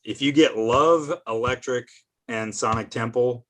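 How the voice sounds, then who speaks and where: Brief: male podcast co-host, average pitch, teasing and chatty. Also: a little slow, fairly bright tone. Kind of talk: casual chat.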